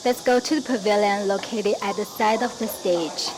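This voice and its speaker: A woman from China narrating a travel vlog, explaining history and pronunciation in a steady teaching manner. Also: medium pitch, normal speed, background noise. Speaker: travel vlogger. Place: outdoors in a riverside town.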